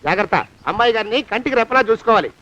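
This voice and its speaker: A blustering, vain master barks and frets in a high, rapid voice. He is bossy and easily alarmed. The film sound is dull and dry. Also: animated, sharp tone. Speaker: comic lead in a film scene. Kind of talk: film comedy acting.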